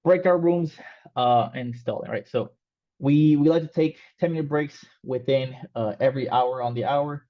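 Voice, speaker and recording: Here a man with a medium-pitched voice talks at a moderate pace while teaching an online coding class. He's from Mexico, Spanish is his first language, and his casual style is loaded with fillers and false starts. The audio is somewhat dull and lo-fi.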